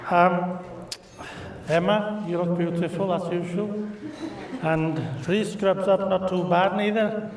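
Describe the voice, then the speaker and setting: A middle-aged man with a North Welsh accent gives a homely, halting wedding speech. He speaks slowly in a high voice, heard from a distance in an echoing room with guests around him. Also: fairly even intonation, a crowd in the background. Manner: hesitant, homely storytelling. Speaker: father of the groom. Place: large glass-walled wedding reception room. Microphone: handheld mic, picked up from afar. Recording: echoey reception room, distant camera microphone.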